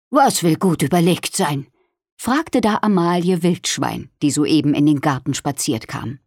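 A woman reading a children's story aloud in an expressive storytelling manner. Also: fairly low pitch, no echo, studio quality.

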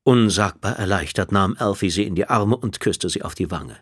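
A man reading an audiobook as narrator, calm and measured in his storytelling. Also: low-pitched, husky, dry recording, clean studio sound.

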